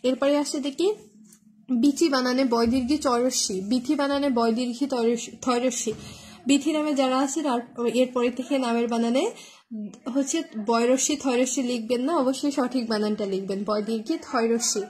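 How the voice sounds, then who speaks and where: A woman's voice: high voice, fairly even intonation, moderate pace, darkish tone. A woman tutor, teaching an online spelling lesson and spelling words out letter by letter with many fillers. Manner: explains with memory tricks, asks "right?".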